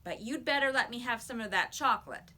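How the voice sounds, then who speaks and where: A woman voicing a demanding schoolboy bully in a children's storybook, bossy and forceful. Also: on the high side, animated, brisk, pitched above the performer's own voice.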